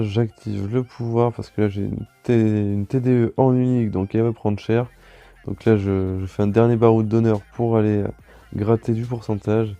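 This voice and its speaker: A man talks through his game in a relaxed commentary voice-over, pausing often to collect his thoughts. His voice is deep and very mellow. The recording is dry, with soft music underneath. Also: no echo. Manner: relaxed, hesitant, frequent filler pauses. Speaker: clan gameplay video maker.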